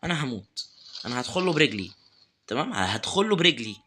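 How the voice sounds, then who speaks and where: A man's voice: mid-range voice, very animated, fast talker, pushed and bright, breathy edge, soft background music. A young man with an Egyptian Arabic accent commentating a horror game, nervously muttering prayers and taunting the game. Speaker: gaming YouTuber.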